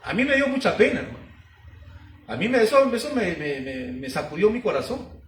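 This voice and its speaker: A man's voice: high voice, sing-song, fairly quick, far from the mic. A man, a pastor preaching emphatically with repeated rhetorical questions. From Peru. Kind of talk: sermon teaching. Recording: roomy sound from off-mic.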